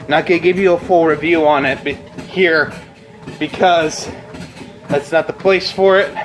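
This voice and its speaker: A young video blogger with a voice on the high side chats bluntly to camera while walking on a treadmill, rambling unscripted and swearing freely. The recording is rough.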